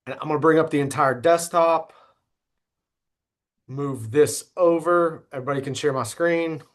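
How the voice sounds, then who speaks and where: A man in his thirties leads an online class in an easygoing way, often stopping to ask "okay?". His voice sits a little high for a man, and it comes through a computer mic on a video call. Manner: relaxed, repeats "okay?" to check in. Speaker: instructor.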